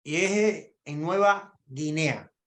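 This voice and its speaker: A man's voice, quite high for a man, hosting a live talk show. He lays out facts in a measured, informative way and asks his guest for comment. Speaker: host. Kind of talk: casual talk-show conversation.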